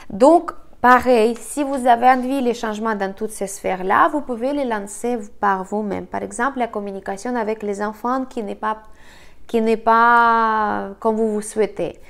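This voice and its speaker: A feng shui and BaZi astrology consultant gives a monologue with her monthly forecast while slightly congested from a cold. Her voice runs on the high side with some vocal fry, and she speaks haltingly, full of fillers and self-corrections.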